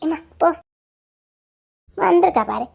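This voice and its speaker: Woman voicing a mother-in-law, village, scolding, gossipy, very high voice. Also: lively intonation, slow pace, vocal fry, a little mellow, heavily acted. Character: blunt village mother of the groom, older woman.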